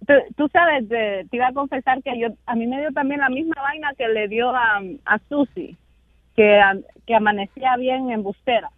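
A woman's voice: a little high, moderate pace, dry recording. A woman in her twenties calling in to a radio show, chatty and teasing. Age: 20s. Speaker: caller. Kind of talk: phone call to a radio show. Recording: dull, dry phone line.

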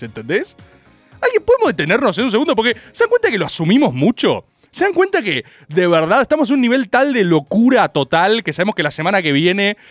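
A man's voice: high voice, no room sound. A young Argentine man with a Rioplatense accent hosting a comic political monologue, rambling and ironic, laughing at his own jokes. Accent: Rioplatense Spanish.

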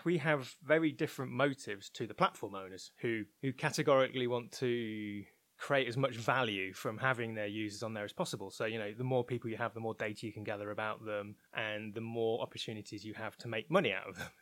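A technology researcher at a broadcaster, appearing as an interview guest, explains his opinions in a conversational, informal, and candid way, thinking aloud. His voice is fairly low and fairly bright, with fairly even intonation and a fairly quick pace. The sound is close and dry, with no echo.

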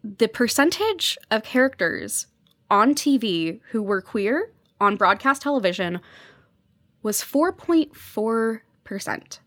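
Taking it slowly, a young adult woman with a fairly high, very animated and slightly bright voice explains things with enthusiasm as a podcast guest. She's a journalist covering fiction podcasts, chatting in conversational interview commentary, and the recording is dry and studio quality.

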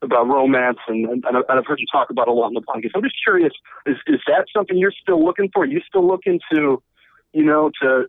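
A man from Chicago comes through a thin, phone-like line, the sound dry and close with no room around it. He talks quickly in a relaxed way, often repeating words as he hunts for the next phrase. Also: medium pitch, creaky, no echo. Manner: halting, repeats words while searching for them. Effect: heard over a phone line. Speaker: caller. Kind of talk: casual phone call into a podcast.

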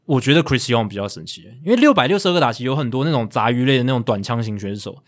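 A man's voice: mid-range voice, animated, racing. A man with a Taiwanese Mandarin accent, hosting a casual sports chat and reading out statistics with asides. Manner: reads out stats, explains, with asides. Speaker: podcast host.

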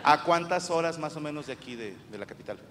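A man's voice: a little high, animated, fast, a bit bright. A man with a Mexican accent, a comedian interviewing audience members with teasing, crude banter at a live show. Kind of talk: crowd-work comedy interview. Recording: live venue reverb, audience noise.

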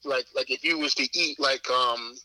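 A man's voice: mid-range voice, steady tone, normal speed, sharp tone, no room sound, poor audio. A man, talking casually as a guest in an interview, rambling with lots of "you know what I'm saying". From Queens, New York. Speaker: competitive eater guest.

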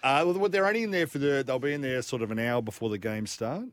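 A man's voice: mid-range voice, fast talker, dry recording. Australian man in dry-sounding radio banter. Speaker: radio show panellist. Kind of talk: casual joking radio banter. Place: radio studio.

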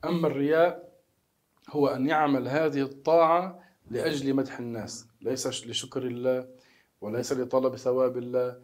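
A man with a Levantine Arabic accent, a religious scholar giving measured, emphatic answers to questions. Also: medium pitch. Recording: echoey room, distant mic.

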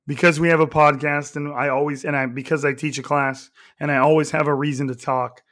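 A young man with a hoarse, croaky voice, still recovering from losing it, co-hosting a casual sports podcast and rambling between ad reads. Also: fairly high pitch, flat delivery, a little fast, fairly bright tone. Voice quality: croaky, nasal. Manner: rambling, self-interrupting. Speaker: podcast co-host. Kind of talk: casual sports podcast chat, reading ads.

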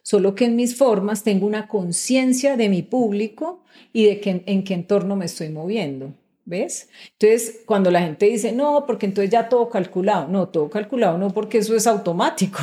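A woman's voice: medium pitch, moderate pace, mellow. Middle-aged woman explaining steadily. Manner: explains patiently, often checks in with "¿ves?" and "¿sí?". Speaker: guest executive. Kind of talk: conversational interview.

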